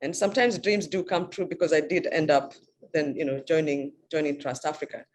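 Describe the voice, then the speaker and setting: A woman's voice: low voice, steady tone, fairly quick. Middle-aged woman from kenya chatting about her life, laughs a lot, trips over words a bit, light hiss behind. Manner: warm storytelling, laughs often, repeats words when starting sentences. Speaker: guest. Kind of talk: casual interview chat.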